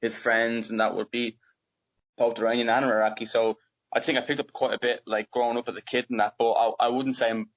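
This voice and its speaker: A young Irish footballer with a Dublin accent answers interview questions casually and hesitantly, with many fillers and restarts. His medium-pitched voice is fairly quick with little pitch movement, and the audio is dull.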